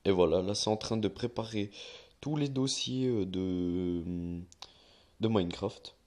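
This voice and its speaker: A young man with a very low, deep voice talks viewers through a phone tutorial in a loose, unscripted way. He rambles, hesitates with fillers, and corrects himself as he goes. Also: measured pace, darkish tone. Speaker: YouTuber giving a tutorial. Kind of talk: casual screen-recorded tutorial.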